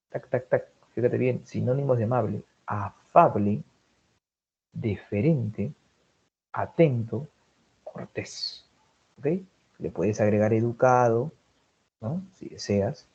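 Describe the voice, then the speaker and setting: This vocabulary lesson comes from a Peruvian Spanish-accented man lecturing an online class; he runs through synonym lists and keeps checking in with his students. He has a fairly low, mellow, husky voice, and the recording is lo-fi.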